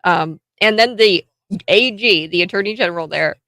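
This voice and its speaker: Hosting a live radio morning show, a woman delivers opinionated commentary full of exclamations and rhetorical questions. Her mid-range voice has a sharp tone and moves at a normal speed, with no room sound in the recording.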